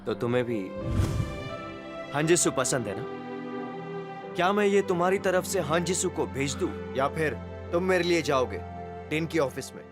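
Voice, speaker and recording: A man's voice: a little high, expressive, moderate pace, pauses often, over music, close to an everyday voice. An actor dubbing a manipulative male classmate who taunts and bargains with another student. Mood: taunting. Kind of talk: Hindi dub of a TV drama.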